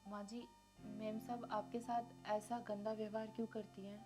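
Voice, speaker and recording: A woman playing a gentle, caring housemaid who speaks in a polite, soft, respectful way. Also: medium pitch, little pitch movement, moderate pace, lightly acted. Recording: background music under voice.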